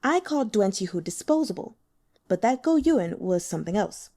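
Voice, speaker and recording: Playing an elder of a secret sect, a woman performs a persuasive older man who speaks in a smooth, coaxing way. His lines are mellow, delivered at normal speed with big, animated pitch swings.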